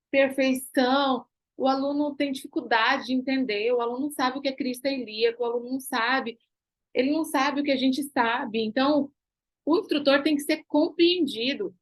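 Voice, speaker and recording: A woman's voice: sits high, fairly bright tone, low-quality recording. A woman giving an online class, emphatic and repeating key phrases, asking her students rhetorical questions. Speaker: pilates teacher and business mentor.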